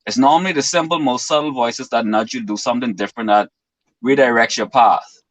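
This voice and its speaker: A Bahamian man in his twenties speaks briskly at a medium pitch as an interview guest, offering earnest, philosophical reflections through long, winding explanations. The recording is rough but has no echo.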